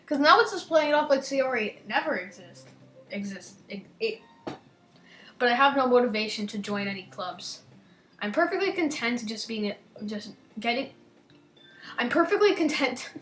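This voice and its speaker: This young woman, who has a slight lisp, hosts a gaming channel where she chats in a relaxed way and reads game text aloud, often trailing off into quiet. Her voice sits a little high, and the sound is roomy.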